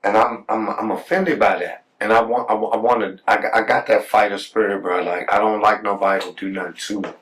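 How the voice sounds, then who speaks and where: A man's voice: fairly low pitch, fairly even intonation, brisk, hardly any pauses, fairly bright tone, distant mic, low-quality recording. A man telling his life story in a casual podcast talk. He often repeats words when he gets heated and keeps asking "you know what I'm saying". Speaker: podcast guest.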